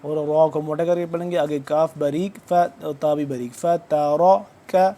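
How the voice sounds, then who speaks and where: A man teaching Quranic recitation word by word. He draws out each recited word slowly, then explains the rules in quick speech. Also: on the high side, fairly even intonation, dark tone, slight background noise. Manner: alternates slow drawn-out recitation with quick spoken explanations.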